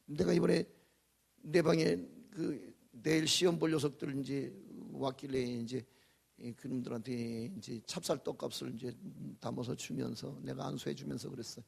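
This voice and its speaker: Gravelly, husky older preacher. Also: male voice, mid-range voice, steady tone, moderate pace. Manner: folksy, joking, shifts from loud to whispered. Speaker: pastor. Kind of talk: revival sermon.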